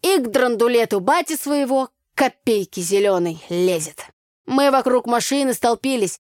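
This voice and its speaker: A woman's voice: on the high side, lively intonation, normal speed, no room sound, clean studio sound, voice pushed up, close to an everyday voice. A woman voicing a brash, chatty village girl who speaks in folk sayings. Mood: boisterous. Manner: brash, loud, chattering in proverbs.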